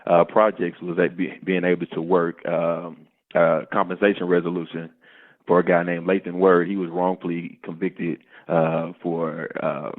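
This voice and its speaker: This podcast guest is a startup co-founder in his twenties from Arkansas in the American South, relaxed in a casual interview and prone to calling the host "man." He speaks in a deep, level voice at normal speed, recorded with phone-line sound.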